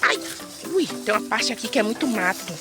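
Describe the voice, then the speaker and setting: A woman's voice: fairly high pitch, lively intonation, brisk. Lady vlogging on her phone out in the muddy woods, chatty and exclaiming, music behind. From Bahia, Brazil. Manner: chatty, exclamatory, keeps calling out to viewers. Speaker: vlogger and mother. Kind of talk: casual vlog narration to viewers. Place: outdoors in muddy woods and mangrove.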